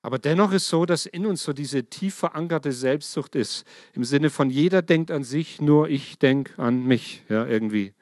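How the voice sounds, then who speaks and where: A middle-aged man preaching a lively sermon, speaking directly to his congregation with emphatic, varied delivery. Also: on the high side, moderate pace, few pauses, no room sound.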